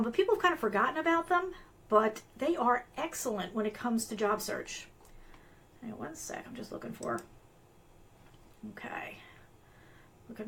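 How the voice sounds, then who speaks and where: Losing her voice, the host of a live business analyst show runs a casual online tutorial, chatting, apologizing, and filling it with fillers and restarts. Her voice is medium-pitched and a bit bright.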